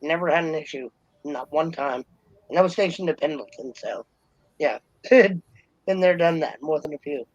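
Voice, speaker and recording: A man's voice: on the high side, moderate pace, dry recording. Laid-back jokey man on a muffled line. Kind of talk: casual chat.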